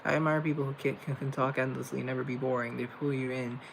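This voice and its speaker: This young man from Colombia talks quickly in a flat, gravelly, medium-pitched voice. He's hosting a casual livestream, reading chat from a laptop and rambling as he thinks aloud. The laptop-mic audio is rough, with a little background noise.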